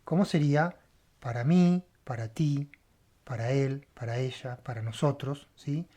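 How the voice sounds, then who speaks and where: In this word-by-word Bible language lesson, the teacher's mid-range voice is mellow and a little slow. Each Hebrew letter gets spelled out and each sound repeated, with a checking "right?" closing every step.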